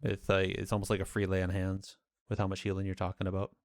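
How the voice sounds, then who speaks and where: Gravelly, smooth-voiced male host. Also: low-pitched, monotone, fast, dry recording, clean studio sound. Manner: easygoing, filler-heavy, steering the talk. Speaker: podcast host. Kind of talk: casual roundtable chat.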